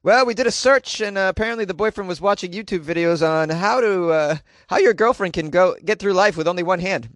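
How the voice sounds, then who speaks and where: A man's voice: sits high, brisk, hardly any pauses, dry recording. Dry, closet-recorded male comedy podcaster. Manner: sarcastic, self-deprecating. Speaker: podcast host. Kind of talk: casual comedic news commentary.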